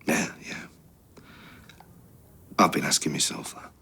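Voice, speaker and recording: An actor playing a bitter, grieving man with a gravelly, breathy rasp, in a TV soap. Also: slow pace, bright, forceful tone. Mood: bitter, seething. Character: bitter, grieving man confronting one who wronged him. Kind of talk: naturalistic TV soap acting.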